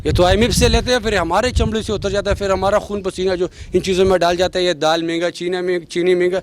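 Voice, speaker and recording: A man's voice: sits high, little pitch movement, a little hiss or hum. Fervent man speaking at a street interview. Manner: passionate, emphatic, rising to loud peaks. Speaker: street interviewee, party worker. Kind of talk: street vox pop interview.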